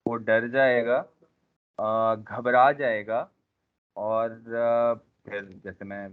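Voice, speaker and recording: A man teaching a class in a lecture style, pausing often with fillers and speaking directly to his trainees. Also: medium pitch, fairly even intonation, clean tone. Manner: frequent filler pauses, addresses class directly. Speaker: instructor. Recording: tinny phone-like lecture recording.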